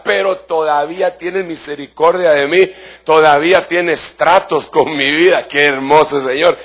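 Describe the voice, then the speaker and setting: Man, pastor, high voice, fervent sermon, soft asides, bursts of shouting. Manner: fervent preaching, often addresses listeners as brother with rhetorical questions; swings between soft asides and raised, shouted emphasis.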